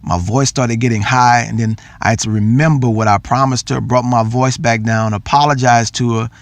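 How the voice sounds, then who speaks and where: A man's voice: medium pitch, steady tone, moderate pace, no room sound. A middle-aged man telling a personal story in an earnest talk, repeating phrases for emphasis. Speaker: speaker.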